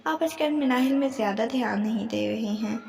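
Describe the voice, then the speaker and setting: A woman voicing a stern, suspicious young wife who speaks in a sharp tone. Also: a little high, vocal fry. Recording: echoey room with long reverb.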